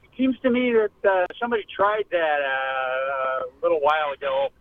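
A man's voice: a little high, normal speed. A man calling in to a radio talk show, rambling with lots of fillers about political news. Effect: phone line. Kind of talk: call-in political comment. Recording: tinny distant phone line.

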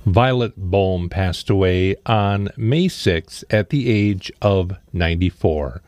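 A man reading scripted funeral notices as a radio announcer, formal, measured and deliberate. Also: sits low, a little mellow, dry recording.

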